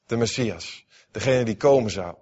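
A man preaching a sermon in a church, reading scripture and then expounding it, dramatic, swinging between raised emphatic lines and hushed ones. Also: fairly low pitch, normal speed, husky. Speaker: pastor. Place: church hall. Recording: dull, hall with long reverb.

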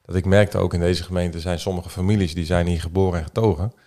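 Brief: Dutch man, very low voice, halting storyteller in a casual chat. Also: fairly even intonation, dark tone. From Netherlands. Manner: hesitant, filler-heavy storytelling. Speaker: guest. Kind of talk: casual podcast conversation.

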